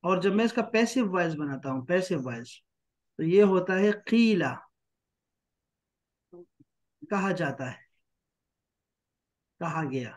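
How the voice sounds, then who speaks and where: A man teaching an online Arabic grammar class, patiently repeating key terms slowly. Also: sits high, expressive. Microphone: online class mic.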